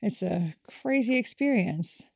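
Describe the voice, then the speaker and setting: A woman interviewing a guest, reacting with short exclamations and calmly summing up his story. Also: mid-range voice, unhurried, vocal fry, breathy edge, dry recording, clean studio sound. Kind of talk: conversational interview.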